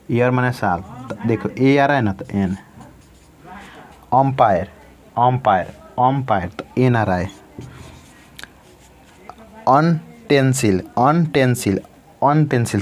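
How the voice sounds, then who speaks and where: A male teacher giving a grammar lesson, saying each word several times and answering his own questions as he goes. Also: mid-range voice. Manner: repeats words slowly, asks and answers own questions.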